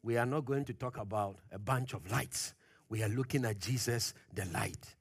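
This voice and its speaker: A male pastor delivers a sermon at a normal pace, his voice slightly rough. He drives his points home by questioning the congregation, growing loud at the peaks and sinking low and quiet as each phrase ends.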